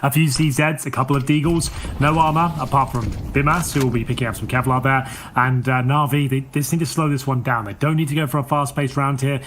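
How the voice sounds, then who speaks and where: A man calling live esports action play by play, rapid and excitable as the plays unfold, on a headset mic. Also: medium pitch. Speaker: play-by-play caster. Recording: clear background noise with clicks.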